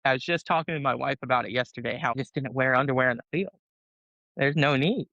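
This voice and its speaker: Casting: male army veteran storyteller, loud and bright, salty language, dry close sound. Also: medium pitch, quick pace, dry recording, dull audio. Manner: laughing, profane, animated storyteller. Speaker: podcast guest, Army veteran. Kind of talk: casual storytelling.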